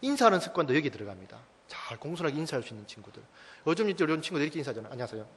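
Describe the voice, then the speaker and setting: Church staff speaker, male, thirties: quick, emphatic parenting talk with a slightly high voice and long hall reverb. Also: big pitch swings. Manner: emphatic, addresses audience directly with rhetorical questions.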